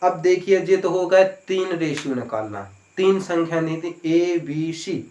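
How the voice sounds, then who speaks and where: A man's voice: on the high side, expressive, unhurried, a little mellow. A man teaching an exam-prep maths lesson, explaining step by step and asking questions before answering them himself. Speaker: maths tutor. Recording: echoey room.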